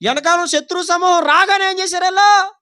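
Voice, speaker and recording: Preacher, male, very high voice, fervent, keeps challenging the congregation with questions. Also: fairly even intonation, moderate pace, bright, forceful tone. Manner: acts out quoted pleas dramatically. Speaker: pastor. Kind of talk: Sunday worship sermon. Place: church service.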